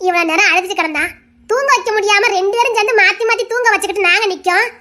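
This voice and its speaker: A woman's voice: extremely high pitch, very fast, sharp tone. A woman playing an exasperated wife and mother who scolds her husband in a family comedy skit. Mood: scolding.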